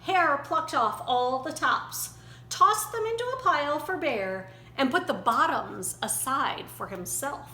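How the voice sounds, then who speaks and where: A woman storyteller reading a children's picture book aloud in an animated way. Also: sits high, unhurried. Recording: roomy echo, faint background noise.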